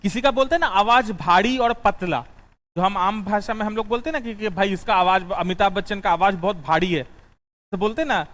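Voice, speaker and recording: A male teacher lectures in a high-pitched voice, firing questions at his students and answering them himself. He slows down to dictate notes. His voice rings with a long reverb in the classroom. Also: fairly bright tone. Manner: sings out the notes of the scale.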